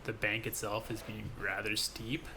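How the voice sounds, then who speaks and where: A man narrating as game master of a tabletop role-playing game, describing scenes in a relaxed, descriptive way with some hesitations. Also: lowish voice, moderate pace, noisy background.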